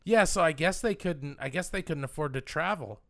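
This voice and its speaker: A man's voice: fairly high pitch, normal speed, vocal fry, fairly bright tone, no echo. A man co-hosting a podcast, recapping a film's plot in a casual chat with wry, dry humor. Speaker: podcast co-host. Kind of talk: casual film discussion.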